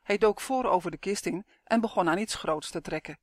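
A steady, measured audiobook narrator telling a first-person suspense story at a middle pitch. The voice sits close to the microphone in a dry, dead room with no echo.

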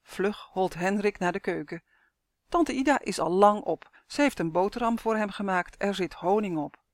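A woman's voice: mid-range voice, normal speed, dry recording, clean studio sound. Woman reading a children's story aloud.

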